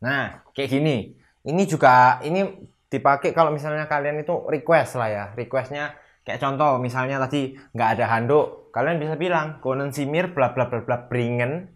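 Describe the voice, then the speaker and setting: A young man giving a casual language lesson, chatting and acting out sample complaints to a hotel desk, and slowing down to say each foreign phrase. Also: mid-range voice. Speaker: language teacher.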